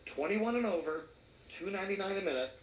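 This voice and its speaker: A man's voice: high-pitched, lively intonation, fast talker. Male radio host, teasing, playful, echoey room, dull lo-fi sound. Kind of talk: comic radio bit. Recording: dull echoey studio audio with faint hiss.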